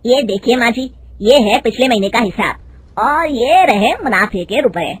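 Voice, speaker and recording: Cartoon manager voiced by a woman, polite, businesslike, husky. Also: fairly high pitch, expressive, measured pace, soft background music. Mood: smooth. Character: smooth-talking male factory manager.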